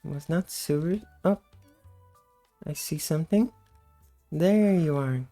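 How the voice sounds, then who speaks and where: A woman giving casual, unhurried gameplay commentary in a sleepy, just-woke-up morning voice. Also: sits low, warm tone, soft background music. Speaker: gameplay host.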